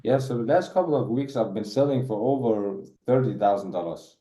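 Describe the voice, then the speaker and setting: In an echoey room, a man with a lowish, warm voice answers interview questions quickly and animatedly. He's a Danish-speaking sales closer appearing as a guest, talking casually, repeating words, and saying "bro" a lot.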